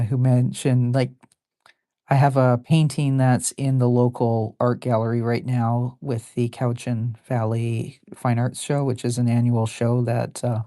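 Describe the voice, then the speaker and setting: A woman with a very low, warm voice talks in a rambling, easygoing way as she draws live, poking fun at her own work and filling pauses with ums. The sound is dry and close, with no room around it. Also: creaky, dry recording. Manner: rambling and self-deprecating, with many fillers. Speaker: artist drawing on a live stream. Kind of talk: casual chat while drawing.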